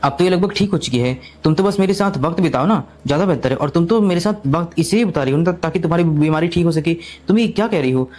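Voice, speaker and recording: A man's voice: on the high side, animated, fast, hardly any pauses, a little mellow. A man voicing an arrogant young male doctor who talks in a boastful, insistent way in a storybook recap. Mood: coaxing.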